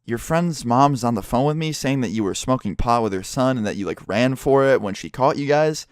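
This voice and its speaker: A man voicing a tired mother who flatly questions her son, in a dry room. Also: medium pitch, fairly quick, no room sound, natural voice. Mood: questioning.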